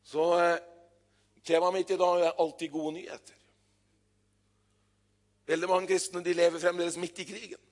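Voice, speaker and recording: High-voiced older preacher man. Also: long pauses. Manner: lively storytelling preacher, builds to loud exclamations; conversational with frequent hesitations. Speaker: pastor. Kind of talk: sermon. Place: church.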